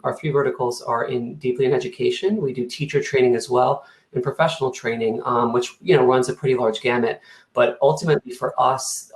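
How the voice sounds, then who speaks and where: Over a video call with an echoey room and low-quality sound, a company co-founder with a mid-range voice speaks earnestly on an online panel. His speech is full of hesitations, fillers, and restarts.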